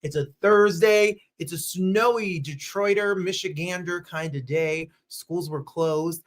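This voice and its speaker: A man's voice: on the high side, unhurried. A man hosting a casual livestream chat show from home, upbeat and chatty, greeting viewers by name. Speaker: host.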